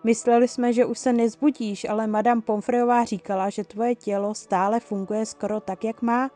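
Brief: shy caring schoolboy, hesitant and gentle, woman reading. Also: a little high, level tone, faint music behind, close to an everyday voice. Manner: soft, hesitant.

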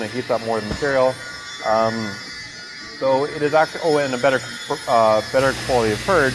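Inside a large industrial fabrication shop, a man with a Canadian accent gives unscripted commentary, explaining a welding process step by step with fillers and restarts. His medium-pitched voice comes through a handheld or lapel mic in a rough recording with background music underneath.

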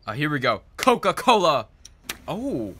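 A man hosting a casual reaction video, excitedly exclaiming and puzzling over each clip. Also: a little high, measured pace, slight background noise. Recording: background music under the voice.

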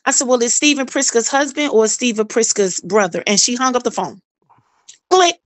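A woman's voice: on the high side, animated, fast, no room sound. A middle-aged woman tells her own story in casual chat. She talks animatedly, acting out quoted dialogue and repeating phrases for emphasis. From South Carolina, US.

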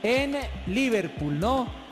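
High-pitched, emphatic Colombian male pundit. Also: sing-song, drawn-out words. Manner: emphatic, repetitive, counting out points. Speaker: football pundit. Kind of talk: excited match analysis. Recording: reverberant broadcast with music behind.

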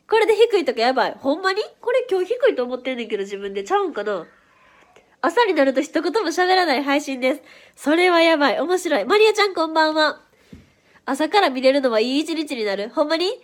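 A woman with a Kansai accent and a stuffy nose, chatting playfully on a livestream and reacting to viewer comments. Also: sits high. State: stuffy nose from hay fever. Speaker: idol livestream host. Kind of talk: casual livestream chat reading viewer comments.

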